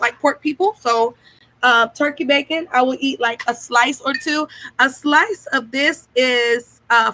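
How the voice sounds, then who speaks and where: A young vlogger with a high-pitched, bright, forceful voice chats enthusiastically with viewers in a casual diet vlog, showing food to the camera. She records close up on a webcam's built-in mic in a small room at home, and the quality is low.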